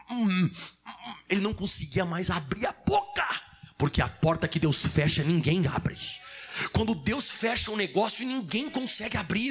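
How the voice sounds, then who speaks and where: A man's voice: high voice, pushed and bright. A man with a Brazilian Portuguese accent preaching a sermon as a pastor. He tells the story dramatically, acts out sound effects, and calls his listeners brother. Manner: emphatic, addresses listeners as brother.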